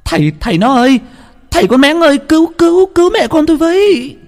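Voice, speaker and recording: A man voicing a panicked, sobbing peasant mother who wails in a high falsetto. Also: sing-song, fast, full character voice. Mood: terrified. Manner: wailing, crying out in high falsetto.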